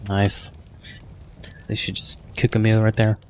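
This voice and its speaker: A man's voice: lowish voice, completely flat delivery, measured pace, a bit bright, smooth. A man hosting a reaction video, chatting casually and thinking aloud as he comments.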